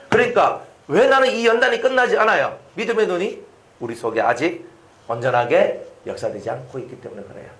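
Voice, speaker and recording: A man's voice: high-pitched, reverberant. A man preaching a sermon, asking his listeners questions and acting out the lines of the people in his story. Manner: animated, asks the congregation questions and acts out quoted lines. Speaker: pastor.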